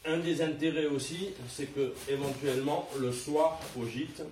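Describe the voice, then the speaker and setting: An older man talks through a casual gear demonstration in a chatty way, often pausing to hesitate. His voice sits back from the mic in a reverberant room. A faint background hum runs under him. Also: on the high side, fairly even intonation, darkish tone. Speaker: pilgrim showing gear. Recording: roomy and distant with faint background noise.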